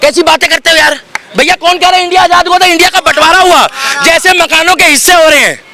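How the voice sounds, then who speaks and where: A man giving his opinion in a heated street debate, forceful and argumentative, talking over others. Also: very high voice, quick pace, a faint crowd. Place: busy city street outdoors.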